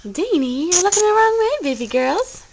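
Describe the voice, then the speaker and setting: A woman's voice: very high voice, very animated, normal speed, noisy background. A woman talking to a baby in giggly, sing-song baby talk in a home video. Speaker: family member cooing at a baby. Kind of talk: casual home video chat.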